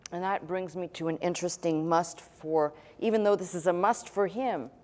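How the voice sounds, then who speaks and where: A woman pastor preaching a sermon, measured and emphatic, with rhetorical questions. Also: mid-range voice, darkish tone. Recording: long hall reverb.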